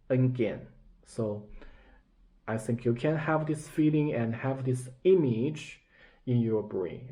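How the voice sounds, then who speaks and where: A man's voice: mid-range voice, warm tone. A man with a Chinese accent teaching a language lesson in English, patiently repeating example words. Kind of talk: slow explanatory lesson.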